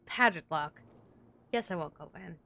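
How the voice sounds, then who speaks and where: A woman's voice: lowish voice, slow pace, gravelly, sharp tone. A young woman casually commenting as she plays a game, chatty, joking and swearing freely. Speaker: gaming streamer.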